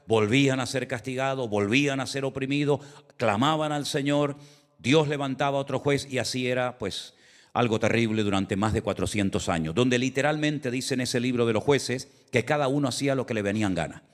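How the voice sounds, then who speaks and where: Male pastor, mid-pitched voice, weighty scripture reading, long hall reverb. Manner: reads scripture aloud with slow, weighty emphasis, then explains it in plain speech. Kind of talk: sermon with Bible reading.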